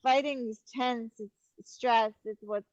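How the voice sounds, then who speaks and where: A woman's voice: fairly high pitch, fairly even intonation, unhurried, muffled recording, a crowd in the background. A woman chatting casually with a friend, candid and emphatic, stumbling into restarts as she works out what she thinks. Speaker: friend guest. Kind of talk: casual chat.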